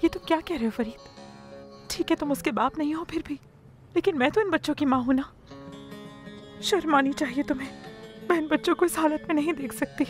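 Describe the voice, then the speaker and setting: Dub casting: actress as a weeping, desperate mother, very high and strained, faint score behind. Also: fairly quick, long pauses, soft background music, lightly acted. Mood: reproachful. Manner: tearful, pleading. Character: anguished mother pleading for her sons. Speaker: dubbing voice actor. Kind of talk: Urdu film dub acting.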